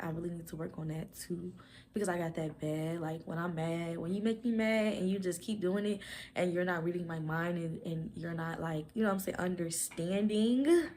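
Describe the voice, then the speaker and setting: A woman in her twenties chatting casually to camera as a vlogger, talking fast in rambling runs, stumbling over words and leaning on fillers. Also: lowish voice, a little hiss or hum. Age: 20s. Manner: many "like" fillers.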